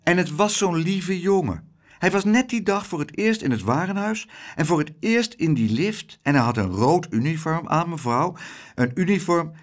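A man voices a grieving middle-aged mother who owns a flower shop, using a plaintive, rising tone. His voice sits on the high side, above his natural pitch yet close to everyday speech, with lively intonation at normal speed.

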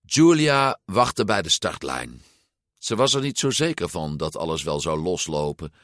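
A man reading a children's story aloud, slow and animated, giving each character a voice. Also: low-pitched, dry recording, clean studio sound. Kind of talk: storybook read-aloud narration.

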